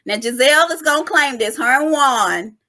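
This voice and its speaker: Woman co-host, bright and fairly high voice, chatty and emphatic, casual podcast talk. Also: lively intonation, normal speed. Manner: chatty, emphatic, addresses listeners as y'all. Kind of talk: casual chat.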